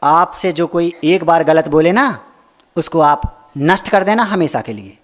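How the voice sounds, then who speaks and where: High-voiced preaching monk in a reverberant hall. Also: male voice, lively intonation, measured pace. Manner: storytelling, asks rhetorical questions and acts out quoted voices. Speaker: Jain monk. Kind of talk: sermon.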